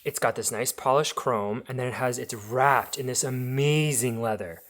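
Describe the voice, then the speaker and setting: A man's voice: medium pitch, moderate pace, fairly bright tone. A man gushing with emphatic enthusiasm as he chats casually through a home makeover reveal for a vlog.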